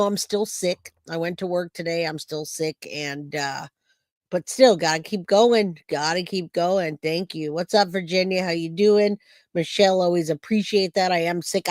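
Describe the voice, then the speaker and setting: A man hosts a true crime livestream, chatting casually and greeting viewers by name. His voice sits high and is hoarse and raspy from a cold, recorded dry with clean studio sound.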